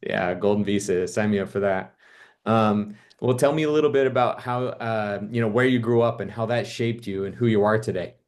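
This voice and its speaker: A man's voice: on the low side, normal speed, darkish tone. A man interviewing a guest in a casual, upbeat, encouraging way.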